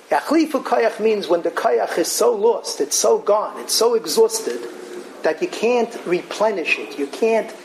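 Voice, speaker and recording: Man, high-pitched voice, rabbinic lecture, storytelling delivery, rhetorical questions, Hebrew and terms mixed in. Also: poor audio. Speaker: rabbi, religious teacher. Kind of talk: religious lecture with parables and scripture.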